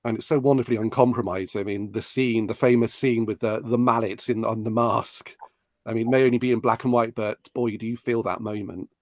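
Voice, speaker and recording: A man's voice: mid-range voice, fairly even intonation, brisk, dry recording, clean studio sound. A British man chatting casually about films as a panellist, enthusiastic and emphatic. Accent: British English. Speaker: podcast panellist. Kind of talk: casual film chat.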